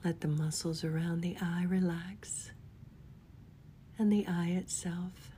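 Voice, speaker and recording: A woman leading a guided relaxation in a soft, soothing whisper, gently giving unhurried instructions. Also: lowish voice, steady tone, a little hiss or hum. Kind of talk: whispered guided body-scan meditation.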